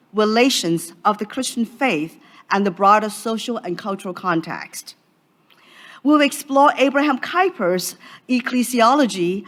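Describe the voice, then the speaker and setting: A woman from Hong Kong presenting an academic paper at a conference in a measured, formal way. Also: mid-range voice, a bit bright. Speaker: conference speaker. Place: conference session room.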